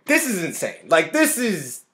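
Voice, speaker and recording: A young man in his twenties hosts a music reaction video, his high voice unhurried yet excitable as he keeps interrupting himself to react. He records casual commentary on a webcam in a small indoor room with a guitar hanging on the wall.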